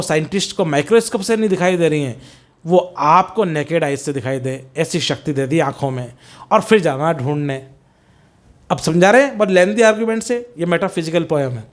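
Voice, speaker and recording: A middle-aged male teacher with a high voice lectures on an English poem for exam students. He mixes Hindi and English, asks questions and answers them himself, and slows right down whenever he quotes a line of verse. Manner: explains in Hindi mixed with English, reads poem lines slowly and stretched.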